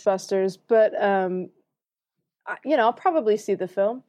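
A young American woman from the United States, a film student, chats casually on a podcast in a mellow, medium-pitched voice at normal speed. She hesitates often and restarts her phrases.

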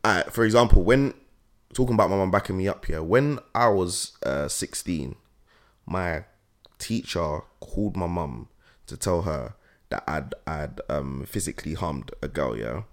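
A man's voice: deep voice, lively intonation, unhurried. A young man with a London roadman accent, chatting casually and emphatically in heavy street slang as he tells stories. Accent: London roadman, Multicultural London English. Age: young adult.

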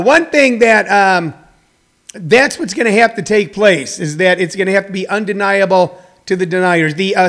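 A man hosting a live talk show with an off-the-cuff monologue, halting and emphatic, repeating phrases for weight. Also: sits high, fairly bright tone. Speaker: host of a daily live comedy talk show.

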